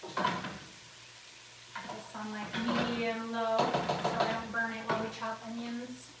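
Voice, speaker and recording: Speaking a little slowly in a fairly high but completely flat voice, this woman runs a casual cooking livestream at home. She chats, laughs frequently, and sniffles because of a runny nose, while the distant mic picks up kitchen echo and background noise.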